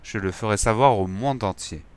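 A man voicing a stern, possessive old king in a storybook reading, speaking slowly and emphatically. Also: fairly low pitch, smooth, lightly acted.

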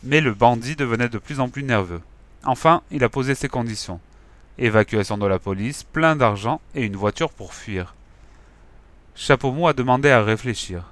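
A man reading a children's story aloud in a lively, expressive way. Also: medium pitch, normal speed, dry recording. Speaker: audiobook narrator. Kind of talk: scripted children's story narration.

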